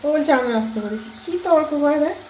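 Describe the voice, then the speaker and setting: Fast-chatting hoarse woman vlogger. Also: high voice, darkish tone, reverberant, slight background noise, poor audio. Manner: chatty, addresses viewers as friends. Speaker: home cooking vlogger. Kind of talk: casual chat to viewers while cooking. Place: home kitchen. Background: frying and sizzling.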